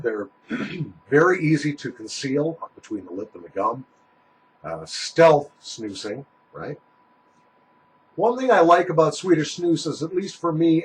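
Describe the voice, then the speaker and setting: A man's voice: fairly high pitch, a little hiss or hum, rough recording. A man giving a casual, rambling product review in a folksy, conversational way, talking with a small pouch tucked in his lip.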